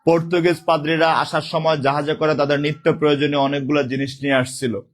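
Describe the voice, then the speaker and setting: A man teaching a live online exam-prep class with a sore throat, speaking softly, repeating questions and calling out students' names. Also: fairly high pitch, little pitch movement, quick pace. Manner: repetitive, calls out student names and drills questions.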